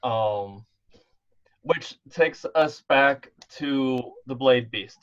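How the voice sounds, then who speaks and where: A man running a tabletop game over an online call, narrating slowly in a laid-back, thinking-aloud way. His voice sits at an ordinary middle pitch. It comes through muffled, lo-fi call audio. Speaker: game master.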